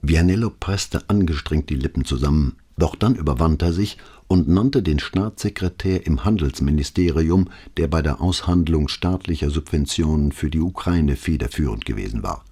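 A man narrating a crime novel in a measured, expressive reading. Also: very deep voice, slightly rough. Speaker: audiobook narrator.

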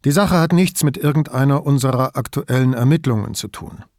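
A man voicing an older male police commissioner who speaks calmly and wryly. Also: medium pitch, brisk, no echo, natural voice. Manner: calm, dry, wry. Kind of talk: audiobook character voice.

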